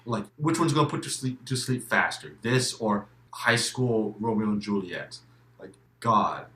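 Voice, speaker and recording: A man's voice: fairly low pitch, expressive, a little slow, pushed and bright, reverberant. A man who is a guest in a casual game discussion, repeating words as he restarts and swearing emphatically.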